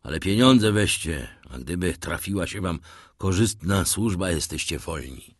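A man voicing a gentle, sorrowful older shipowner who has lost everything. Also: low voice, animated, measured pace, no echo, studio quality, exaggerated voice. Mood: moved. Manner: soft, warm, sorrowful.

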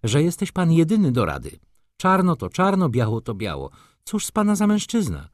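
A man's voice: mid-range voice, animated, a little slow, no room sound, clean studio sound, pitched above the performer's own voice, lightly acted. A man reading an audiobook, voicing a haughty, capricious society lady who talks in an offended, reproachful, coquettish way.

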